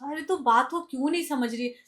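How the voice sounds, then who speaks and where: A woman playing a lonely middle-aged aunt who defends herself and tries to calm the quarrel in a comic family skit. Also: high voice, a little fast. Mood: defensive. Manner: defensive, coaxing.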